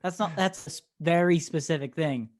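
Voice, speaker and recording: A man's voice: a little high, moderate pace, a little mellow. A man from the Pittsburgh area co-hosting a casual podcast over a remote call, exasperated and joking, laughing often. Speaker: podcast co-host.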